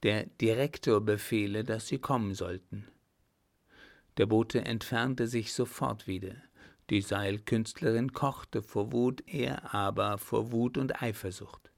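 A man reading a novel aloud as narrator, in measured, even storytelling. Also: on the low side, vocal fry, dry recording, clean studio sound. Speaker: audiobook narrator. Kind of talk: scripted narration.

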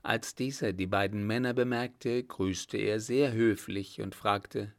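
A man reading a story aloud as narrator in a measured, even manner. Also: lowish voice. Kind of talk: audiobook narration.

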